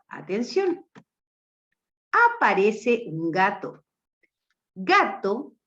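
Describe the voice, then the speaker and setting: A woman teacher guides young children through a phonics lesson, slow and deliberate, with her pitch swinging up to cue and praise them. The recording sounds dull and lo-fi. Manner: slow, emphatic, rises for praise and cues.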